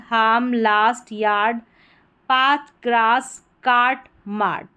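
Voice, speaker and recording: A woman teaching English pronunciation rules, slowly drilling word after word. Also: high voice, fairly bright tone, clear, resonant tone. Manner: slow, patient word-by-word drilling. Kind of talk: explanatory lesson.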